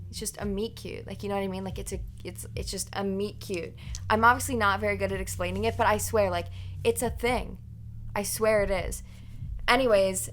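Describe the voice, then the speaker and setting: A young woman with an average-pitched voice talks casually as a book reviewer. Her delivery is informal and rambling, like gossip between friends, slipping into quoted asides. There is clear ambient noise behind her. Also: a bit bright.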